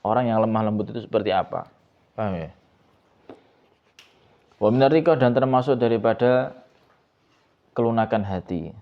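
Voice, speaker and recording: Male ustaz, deep voice, dull lo-fi sound, teaching with constant questions to his class. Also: brisk, creaky, pauses often. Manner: asks students questions over and over, mixes in Javanese words. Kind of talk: Islamic pesantren lesson, reading Arabic text and explaining.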